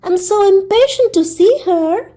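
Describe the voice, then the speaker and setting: A woman pushes her voice up to a very high pitch to play an eager, dreamy, talkative young girl in an audiobook. She gushes earnestly and chattily as the storybook character, at a measured pace, with an expressive but dark tone.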